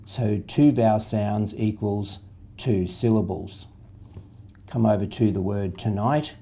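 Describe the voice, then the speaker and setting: A man's voice: fairly low pitch, steady tone, takes it slowly, warm tone. Patient man teaching syllables. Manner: patient, methodical, spells out letters and sounds. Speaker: literacy tutor. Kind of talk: step-by-step instructional explanation.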